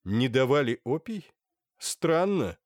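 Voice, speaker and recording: Man reading a calm sharp doctor, even tone, lively pitch. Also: no room sound, clean studio sound. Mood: probing. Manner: measured, probing questions.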